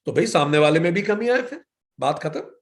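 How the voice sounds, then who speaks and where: A man's voice: a little high, animated, fast. A man giving a spiritual lecture as a yoga philosophy teacher, firing rhetorical questions and mixing English words into his talk. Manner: asks rhetorical questions, then answers them himself; mixes English words into Hindi.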